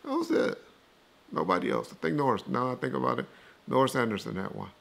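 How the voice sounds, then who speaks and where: This man's lowish voice swings hugely in pitch, moving fast with vocal fry and a fairly bright tone. As an interview guest countering rumors, he's casual, blunt, and dismissive, cursing freely and repeating himself to make his points land.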